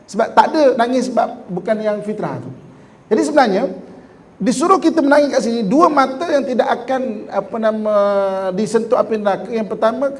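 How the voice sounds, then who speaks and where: A Malaysian-accented man gives a morning religious talk in a mosque hall, his voice pitched high. He keeps asking his listeners to agree and mixes jokes into the teaching. A faint hum of room noise sits under him. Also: darkish tone. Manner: conversational, constantly asks "kan?" to the audience; jokes and laughs with the congregation.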